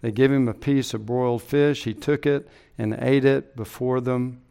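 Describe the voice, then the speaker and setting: Man preaching a sermon, smooth clear voice, middle pitch, earnest, repeats himself for emphasis. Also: fairly even intonation, normal speed, dark tone. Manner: earnest, explanatory, repeats words and phrases for emphasis. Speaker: pastor.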